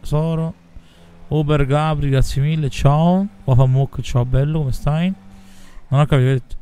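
A man's voice: on the high side, fairly even intonation, normal speed, mellow, a little hiss or hum. A man in his thirties with a southern Italian accent, commenting casually on a gaming stream, exclamatory and foul-mouthed. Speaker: live streamer. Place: small room at home. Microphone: close studio mic on boom arm.

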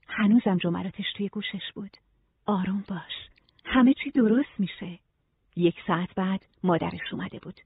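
An audiobook narrator reading a novel in an even, steady storytelling manner. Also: mid-range voice, slightly rough, no echo. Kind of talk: scripted narration. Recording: tinny phone-like sound.

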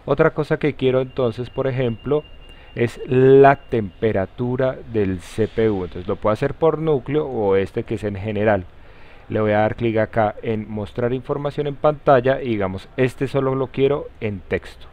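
A man with a Colombian accent hosting a step-by-step software tutorial in an informal way, using friendly diminutives. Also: medium pitch, normal speed. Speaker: tutorial host. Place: voice-over for a screen recording. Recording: slightly dull, lo-fi sound.

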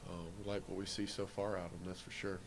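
Heavy background noise surrounds this postgame press interview, held in an indoor hallway with a handheld reporter mic. The manager, a Canadian-accented man in his forties, has a deep, level voice and talks fast, keeping his answers straightforward.

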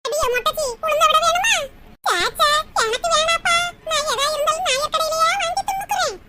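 A woman voicing a sharp-tongued, quarrelsome old mother-in-law in a cartoon comedy, with a nagging, scolding manner. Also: very high-pitched, brisk, music in the background. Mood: disgusted, scolding. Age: older. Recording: loud background noise.

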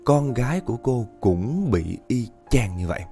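A man with a Southern Vietnamese accent narrating a ghost story, talking directly to his listeners in an animated way. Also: mid-range voice, moderate pace, soft background music. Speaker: podcast storyteller.

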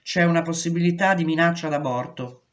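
A woman's voice: fairly low pitch, brisk, close to an everyday voice. A woman reading aloud, voicing a dismissive male prison doctor with curt, evasive replies. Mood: cold. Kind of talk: audiobook reading.

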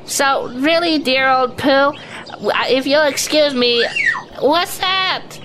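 A woman voicing a timid, excitable young male piglet in a children's audio drama, hesitant and stammering as if always ready with a nervous excuse. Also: high voice, takes it slowly, heavy background noise. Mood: anxious.

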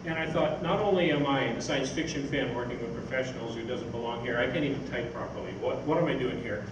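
A science fiction writer, an older man with a mid-range voice and quick pace, rambles through an informal, anecdote-filled stage talk and takes audience questions. The event hall echoes, and the far camera microphone picks up plenty of noise.

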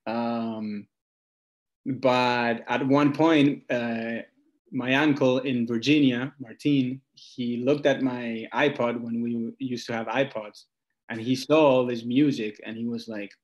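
On a lo-fi recording, a male singer-songwriter from Buenos Aires, Argentina, talks slowly in a steady, mid-range voice. It's a casual interview where he's the guest musician, speaking informally in stories and frequently saying "like" and "you know."

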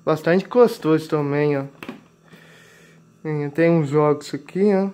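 A somewhat high, slightly mellow voice moves at a slow pace as a late-teen vlogger with a Brazilian accent talks through his groceries at home in the kitchen. He repeats himself, flags items with filler tags, and plastic bags crinkle throughout.

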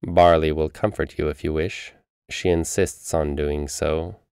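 A man reading the part of an aloof, ageless female witch, speaking slowly and tersely. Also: very deep voice, flat delivery, vocal fry, darkish tone, smooth, no echo, studio quality, heavily acted. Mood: cold, curt.

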